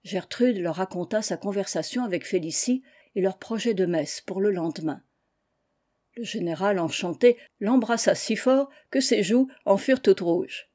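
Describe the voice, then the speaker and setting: A woman reading a classic children's novel aloud in calm, even storytelling. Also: medium pitch, normal speed. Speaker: audiobook reader.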